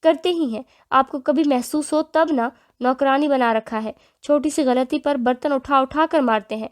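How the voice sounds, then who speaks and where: Woman doing angry young wife, defiant, sharp indignant tone, higher voice, audio novel. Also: close to an everyday voice. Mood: furious.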